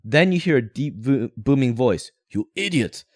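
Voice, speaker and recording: A man's voice: medium pitch, lively intonation, normal speed, no echo. A man running a tabletop game as game master, talking casually in a mid-range voice. He explains the scene in a rambling, informal way, recorded close and dry with little room sound.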